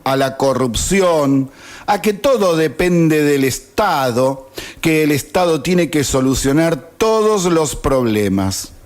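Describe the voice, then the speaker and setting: A man in his fifties with an Argentine accent, reading a sarcastic opinion editorial on radio. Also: a little high. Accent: Argentine Spanish. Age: 50s. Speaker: radio host. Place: radio studio.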